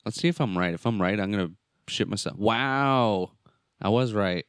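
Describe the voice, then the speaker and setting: Laid-back swearing podcast co-host, low voice. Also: male voice, normal speed, clear, resonant tone, dry recording, clean studio sound. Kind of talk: casual chat.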